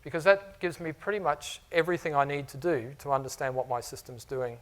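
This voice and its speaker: His pitch fairly high, his tone steady and fairly bright, a middle-aged man talks a little fast as he presents at a conference. He's a technology architect speaking to customers in a conference room before a live audience, with an accent mixing New Zealand and Australian and a conversational style peppered with "you know" and "uh."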